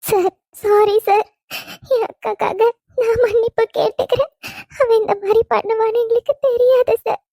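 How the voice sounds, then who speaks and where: A woman's voice: very high-pitched, steady tone, normal speed, warm tone, dry recording, clean studio sound. A woman voicing a timid, stammering young bride. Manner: stammering, pleading. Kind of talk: cartoon voice acting.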